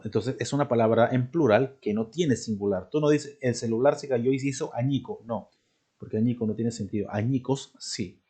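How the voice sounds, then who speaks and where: A man's voice: medium pitch, dark tone, breathy edge. A male teacher giving a recorded grammar lesson, explaining step by step and checking in with his students.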